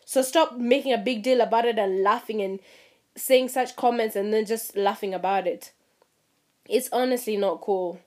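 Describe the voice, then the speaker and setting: A young woman from Kenya ranting casually to her viewers, animated and laughing, swearing freely and mimicking people. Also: moderate pace. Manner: animated, swearing, mimics others in high voices, laughs at herself. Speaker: vlogger. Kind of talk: casual rant to camera.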